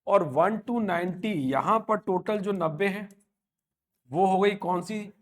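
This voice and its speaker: A man's voice: high-pitched, slow. A man in his thirties teaching a live online coaching class, talking to students in a motivating, conversational way.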